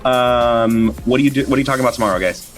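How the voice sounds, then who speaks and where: A man's voice: medium pitch, quick pace, faint music behind. A man hosting a casual livestream chat, rambling with fillers and easy laughs. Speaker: host.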